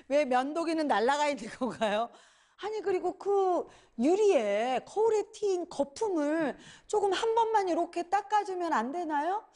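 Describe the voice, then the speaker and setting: High, lively woman giving a talk. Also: measured pace. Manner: lively storytelling, acts out her own past complaints. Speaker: lecturer. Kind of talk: inspirational talk to a studio audience.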